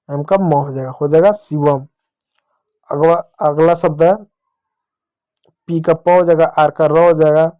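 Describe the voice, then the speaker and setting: Man with giving a kids reading lesson, slow and patient, smooth clear voice a bit on the high side. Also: dark tone. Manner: patient, repeats words slowly and calls the kids dear children. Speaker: teacher.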